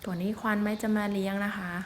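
A woman's voice: mid-range voice, level tone, fast, slight background noise. A woman chatting politely and casually as she narrates an outdoor vlog in the forest. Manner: chatty, polite, with frequent soft particles. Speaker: vlogger filming elephants.

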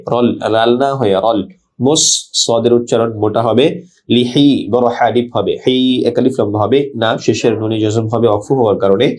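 A Bangladeshi man teaching tajweed. He recites verses slowly and drawn out, then explains each sound in quick plain speech. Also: mid-range voice, a little mellow. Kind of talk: tajweed lesson, word-by-word explanation.

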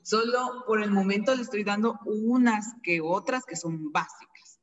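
A teacher with a Guatemalan accent gives a recorded lesson, patiently repeating each word slowly so the class can copy the pronunciation. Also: mid-range voice, in a large hall, lo-fi sound. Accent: Guatemalan Spanish.

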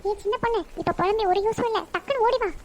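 A woman voicing a bossy, penny-pinching married housewife in a cartoon comedy, nagging and quick. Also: very high-pitched, a little hiss or hum.

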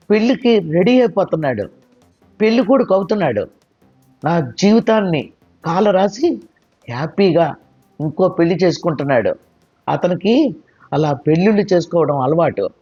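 Man playing a bitter young wife, loud, high, husky, lo-fi dull sound. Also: full character voice. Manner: bitter, shouting, wounded. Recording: dull lo-fi with faint music.

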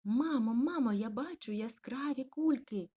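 A woman puts on a high, bouncy little corgi puppy for a storybook, his voice jumping all over and slightly breathy. He sounds eager and keeps calling out. The recording is slightly dull and lo-fi. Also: sing-song, moderate pace, a little mellow. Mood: excited.

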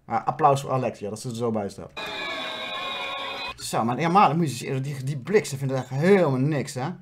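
A man's voice: medium pitch, a little fast, background noise. A man from the Netherlands giving mocking, rambling satirical commentary over footage, often stumbling over repeated words. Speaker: comedian host.

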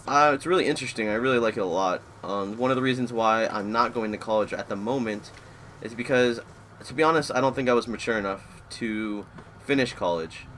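A Florida gaming YouTuber in his twenties gives live, casual commentary over a shooter match, wandering between personal chat and reactions to the game. His everyday middle-pitched voice is brisk and fairly bright, with faint game noise underneath, and he rambles whenever the match distracts him.

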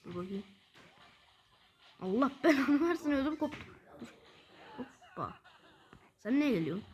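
Woman, high voice, very animated pitch, gameplay commentary, easily frustrated, repeats words in bursts. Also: a little slow, a little hiss or hum. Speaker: gaming video creator. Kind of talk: excited live gameplay commentary.

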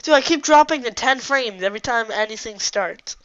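A woman's voice: fairly high pitch, expressive, a little fast, a bit bright, no echo. A woman chatting casually while gaming, in a slangy way full of dude and bruh. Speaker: gamer. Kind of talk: casual gaming chat during play. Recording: dull lo-fi mic with clear noise.

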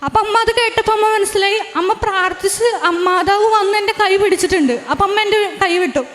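Very high-voiced young woman, reverberant room. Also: fairly bright tone. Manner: earnest, halting storytelling with restarts. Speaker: testifying believer. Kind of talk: personal religious testimony.

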